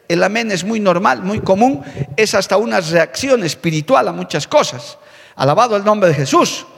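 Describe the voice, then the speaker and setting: High gravelly preacher man in a reverberant church. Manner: fervent preaching, repeats "hermano" and "alabado el nombre de Jesús"; draws out key words slowly, then rushes phrases. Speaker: pastor. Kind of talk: sermon with opening prayer. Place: church sanctuary with long reverb.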